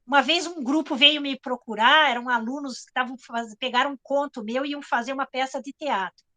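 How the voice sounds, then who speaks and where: A woman's voice: sits high, a little fast, bright, forceful tone. A woman writer with a Brazilian accent telling anecdotes to an audience in a chatty way, often checking in with tag questions. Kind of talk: storytelling talk to an audience.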